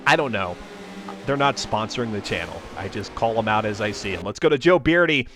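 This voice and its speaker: Racing car noise and track ambience fill the background as this man calls the action live as host of a racing stream. His voice is high and a touch bright, his patter folksy and chatty with joking asides.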